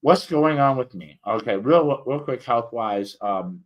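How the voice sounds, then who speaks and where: A man with speech slightly thickened by a swollen mouth, giving a casual, rambling review and personal update in a halting way, often repeating and correcting himself. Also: mid-range voice, animated, highs cut off. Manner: halting, with repeated words and many self-corrections. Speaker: host, reviewer and writer.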